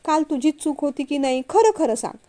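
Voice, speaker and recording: A stern middle-aged father from a storybook, firm and scolding as he corrects his son, read by a woman. The voice sits high and sounds mellow. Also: animated, brisk. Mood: reproachful.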